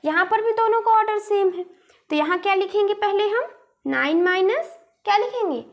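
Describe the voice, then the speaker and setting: A woman's voice: very high-pitched, expressive, moderate pace. A woman teaching a maths lesson online in a patient manner, explaining each step and asking rhetorical questions as she goes.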